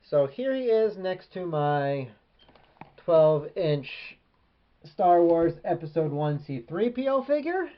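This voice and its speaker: A man's voice: on the high side, very animated, takes it slowly, dull audio. A man reviewing an action figure in a casual, rambling way with many hesitations. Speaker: toy collector reviewer.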